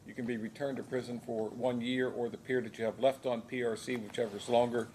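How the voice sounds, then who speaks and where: An American man speaking as a judge, formally and procedurally questioning a defendant in a measured way with occasional hesitant pauses. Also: mid-range voice, level tone, a little mellow. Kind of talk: formal plea hearing questioning. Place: courtroom. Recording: noisy courtroom recording.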